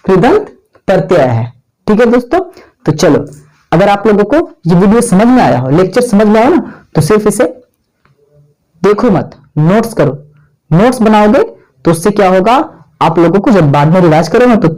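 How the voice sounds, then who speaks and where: A man's voice: high-pitched, a little mellow, poor audio. A young man giving a casual grammar lesson for exam students, constantly asking questions and answering them himself. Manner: repeats "thik hai" and quizzes the viewer. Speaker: teacher. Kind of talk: casual Hindi grammar lecture.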